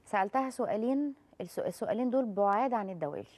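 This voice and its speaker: Speaking with an animated, medium-pitched voice and a darkish tone, this thirty-something Egyptian woman offers medical advice as a guest doctor in a TV studio. She talks fast, calms callers down, and affectionately calls them "dear."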